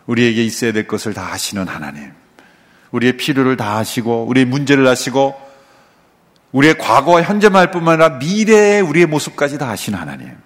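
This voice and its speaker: A Korean man preaching a sermon as pastor, lively and full of rhetorical questions to the congregation. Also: mid-range voice. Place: church sanctuary. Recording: long reverb of a large church hall.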